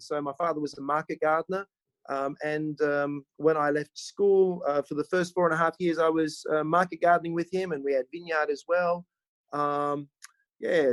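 A pastor from rural South Australia, speaking with an Australian accent, tells his story as a podcast guest in a hesitant, self-deprecating, conversational manner. His voice is a little high, and the audio is poor though free of echo.

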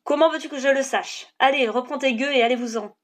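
A woman's voice: high-pitched, fast talker, pitched above the performer's own voice, lightly acted. A woman voicing a curt, scornful border guard who threatens from the ramparts.

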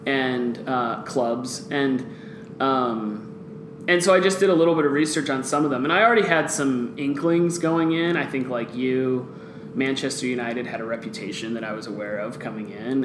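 A man from Guatemala, a guest on a casual podcast, telling stories in a relaxed way with lots of "um"s, in an office boardroom. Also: mid-range voice. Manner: relaxed storyteller, many fillers like "um". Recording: echoey room with background noise.

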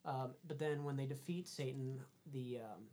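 A podcast co-host casually retells a movie's plot in a laid-back review chat, rambling along with lots of "um" and "like." The voice is mid-range and warm, at a moderate pace.

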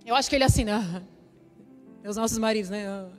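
A woman's voice: mid-range voice, a little fast. A woman preaching a sermon, sharing a personal testimony with emotional, emphatic repetition. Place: church hall. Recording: reverberant hall with soft music.

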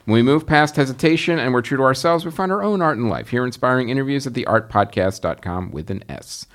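A man's voice: mid-range voice, animated, fast talker. A man hosting a film podcast, casually reading out listener promos with small fillers and chuckles. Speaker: podcast host.

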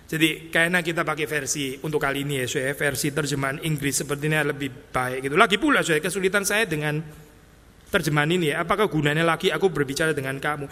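A man's voice: a little high, fast, bright, forceful tone. A man preaching an expository sermon in a conversational style, slipping English phrases in and acting out exasperated voices. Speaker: pastor. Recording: long hall reverb.

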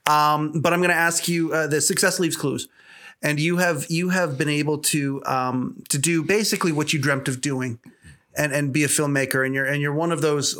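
A man's voice: on the high side, a bit bright. A man hosting a podcast, asking long, earnest questions in casual chat and often repeating words as he builds them. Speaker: podcast host.

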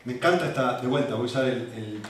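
A man preaching a sermon as pastor, with a Rioplatense Spanish accent, animated and preacherly. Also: medium pitch, quick pace, recorded from a distance, a little hiss or hum. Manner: animated, preacherly, voice rising and falling sharply. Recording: echoey hall, voice from afar.

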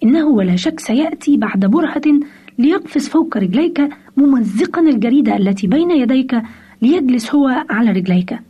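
A woman's voice: high voice, expressive, a little fast, mellow, husky. A woman giving parenting advice in a scripted radio talk, speaking directly to the listener and asking rhetorical questions, on a dull lo-fi radio recording.

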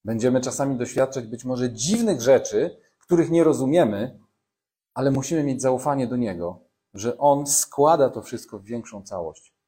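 Mellow-voiced male preacher. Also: mid-range voice, lively intonation, moderate pace. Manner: conversational preaching with asides to the congregation; reads scripture aloud within the sermon. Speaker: pastor. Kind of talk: sermon.

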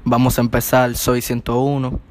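A man's voice: mid-range voice, monotone, moderate pace. A young man with a Dominican accent in a casual group chat, insistent and often cutting in to steer the conversation. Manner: insistent, interrupting.

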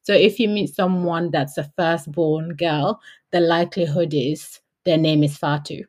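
A woman's voice: sits low, steady tone, unhurried, a little mellow. A woman from Gambia, co-hosting a casual podcast chat, who laughs easily and often quotes herself. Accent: London English, faint Yorkshire. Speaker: podcast co-host.

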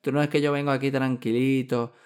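A man's voice: medium pitch, level tone, brisk, a little mellow, clear, resonant tone. A man from Venezuela with a Venezuelan Spanish accent, hosting a podcast and telling a travel story casually, acting out scenes with sound effects and voices. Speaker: podcast host.

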